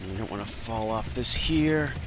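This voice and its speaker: A man's voice: lowish voice, normal speed. A man giving casual, chatty, self-deprecating commentary as host of a video game walkthrough. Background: game music.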